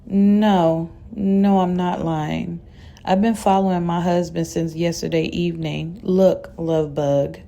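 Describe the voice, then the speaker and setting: A woman reading a story aloud, voicing a bold wronged wife who speaks calmly with cutting sarcasm. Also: on the low side, slow pace, gravelly, muffled recording. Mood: calm, sarcastic.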